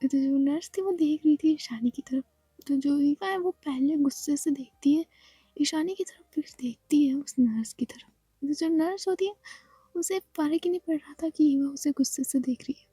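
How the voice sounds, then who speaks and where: A woman narrating a romance story in a soft, hushed whisper. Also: high-pitched, moderate pace, dry recording.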